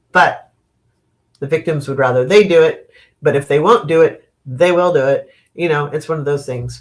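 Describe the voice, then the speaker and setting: A middle-aged woman from the United States hosts a casual live tarot stream from home, sniffly and stuffed up from allergies. Her low voice rambles slowly as she thinks aloud with many fillers and restarts, laughing at her own asides.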